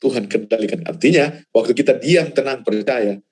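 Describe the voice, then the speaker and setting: A man, a pastor, telling a personal testimony in casual chat, animated and laughing as he goes, repeating words for emphasis. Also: mid-range voice, fairly quick, husky. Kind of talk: casual testimony in a church talk.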